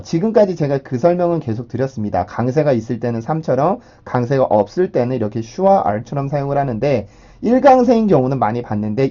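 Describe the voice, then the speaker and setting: A man giving an online pronunciation lesson, his pitch rising and falling a lot as he explains. His voice is dark and mellow, and the recording sounds a little dull and lo-fi. He walks through each sound step by step and repeats it several times as a model. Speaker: English pronunciation teacher.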